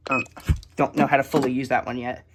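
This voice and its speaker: One after another, a hobbyist collector presents radios from a collection in a halting, list-like, casual narration. The medium-pitched voice is flat in delivery, picked up with background noise by a handheld phone behind the camera in an indoor room with shelves of electronics.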